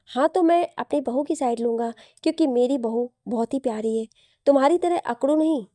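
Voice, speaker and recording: A woman's voice: high-pitched, a little fast, warm tone, dry recording, clean studio sound, close to an everyday voice. A woman reading as a stern royal father, commanding. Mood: fond. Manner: firm, commanding declarations.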